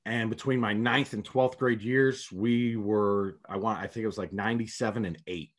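Speaking at a normal speed with a steady tone and fairly low pitch, this upstate New York man is a head prep basketball coach guesting on a video interview. His answers wander like stories, full of false starts.

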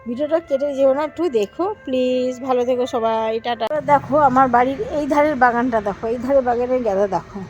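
Faint music plays behind a lo-fi recording of a woman whose high, darkish voice runs quick with few pauses. She vlogs casually from her home garden for her own page, effusive and repetitive as she shows viewers around.

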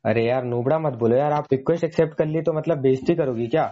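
A man's voice: medium pitch, quick pace, lo-fi sound. A man hosting a gaming channel, chatting casually and pleading persistently over in-game voice chat.

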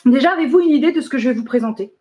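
A woman's voice: high voice, rapid-fire, mellow. A woman from France hosting a live product demonstration, chatting casually, laughing often and correcting herself as she goes. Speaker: host of a live product demo. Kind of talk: casual live stream chat.

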